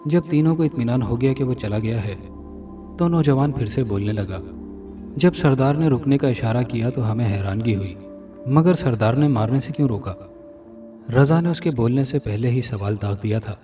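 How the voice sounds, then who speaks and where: A man reading a scripted horror story dramatically, sounding a little far from the mic over loud music. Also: medium pitch, moderate pace. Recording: narration from a distance with loud music.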